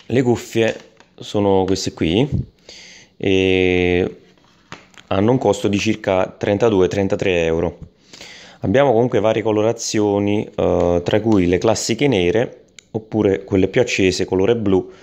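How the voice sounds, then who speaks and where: Male gadget reviewer, deep register, halting delivery full of "eh" and restarts. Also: darkish tone. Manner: hesitant, many fillers and restarts. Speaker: tech product reviewer. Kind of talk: unscripted product review voice-over.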